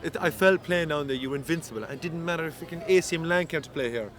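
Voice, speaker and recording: A man's voice: fairly high pitch, fast, fairly bright tone. A man, a former player, remembering matches with enthusiasm and laughter.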